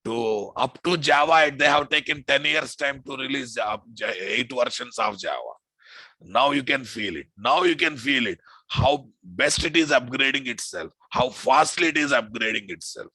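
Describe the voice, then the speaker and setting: A man's voice: mid-range voice, lively intonation, moderate pace, sharp tone, husky, no echo, poor audio. A man with a Telugu Indian English accent lecturing informally as a programming instructor, emphatic, repeating phrases and often checking with the class through questions.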